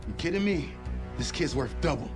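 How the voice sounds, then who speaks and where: A man's voice: fairly high pitch, animated, a little fast, music in the background, lightly acted. A man acting a cocky, aggressive kidnapper demanding money in a scripted drama, with stilted, overdone amateur delivery. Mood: greedy, insistent.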